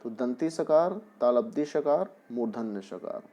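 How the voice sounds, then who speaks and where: A man's voice: medium pitch, animated, measured pace, warm tone, highs cut off. A man teaching a Hindi spelling lesson to young pupils, patient and explaining step by step with repeated examples. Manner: often asks the class "है ना".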